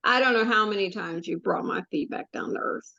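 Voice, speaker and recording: Podcast co-host, woman, gravelly voice, easygoing laugh, dull recording. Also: medium pitch, a little fast, pushed and bright, no echo. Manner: laughs often, light and agreeable. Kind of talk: casual faith chat. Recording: dull, slightly muffled sound.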